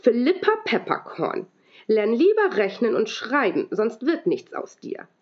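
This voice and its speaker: Woman playing a cranky old-school teacher lady, gruff and scornful, storybook read-aloud, lo-fi sound. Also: fairly high pitch, big pitch swings, unhurried. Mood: stern. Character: grumpy, stout, strict female schoolteacher. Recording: dull lo-fi recording.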